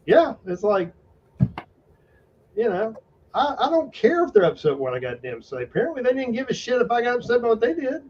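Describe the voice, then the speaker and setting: A man's voice: very high voice, huge pitch swings, fairly quick, a little mellow, slight background noise. A man hosting a casual podcast chat, blunt and emphatic, with plenty of swearing. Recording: dull lo-fi recording.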